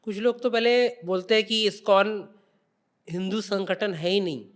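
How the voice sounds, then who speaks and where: A man's voice: high-pitched, steady tone, a little slow. A man speaking as a religious guest on a podcast interview, explaining spiritual teachings in an emphatic, preaching way.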